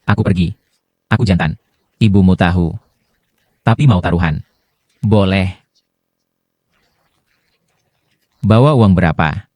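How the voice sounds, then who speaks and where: Man playing a stern, husky chairman. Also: low-pitched, moderate pace, a little mellow, no room sound, studio quality. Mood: taunting. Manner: curt, clipped and scolding. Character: stern older father and chairman. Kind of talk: dubbed drama dialogue.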